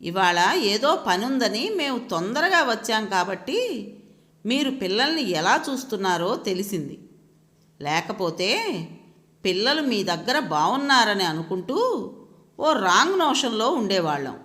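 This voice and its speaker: A woman's voice: medium pitch, very animated, a little slow, a bit bright, big-room sound. A woman voicing a young mother who scolds her mother-in-law with accusing, sarcastic questions. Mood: scolding.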